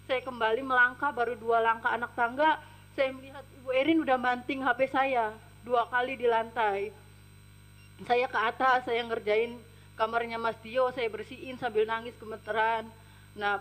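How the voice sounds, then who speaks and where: A woman's voice: a little high, fairly bright tone, poor audio. A woman and domestic worker gives a plain, step-by-step personal testimony.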